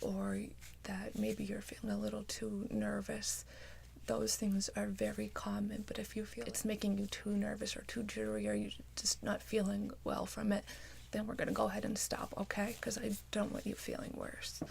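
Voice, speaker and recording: A woman doing an ASMR role-play as a caring nurse, with a gentle, reassuring bedside manner. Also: medium pitch, completely flat delivery, moderate pace, creaky, slight background noise. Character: caring, attentive female nurse. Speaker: ASMR performer playing a nurse.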